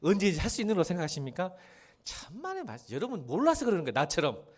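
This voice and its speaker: A middle-aged man preaching a sermon as pastor, acting out quoted voices and swinging between loud emphasis and quiet asides. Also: high-pitched, huge pitch swings, racing, husky.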